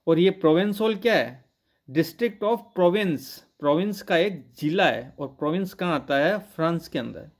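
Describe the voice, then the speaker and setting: A man teaching English literature, reading each line of a poem slowly and then explaining it in Hindi, often asking questions and answering them himself. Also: on the high side.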